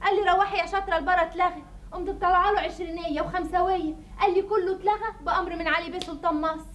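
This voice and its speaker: Tamatem, a rapid chatterbox. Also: female voice, very high-pitched, fairly even intonation, a bit bright. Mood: gossipy. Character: chatty gossiping woman of the common folk.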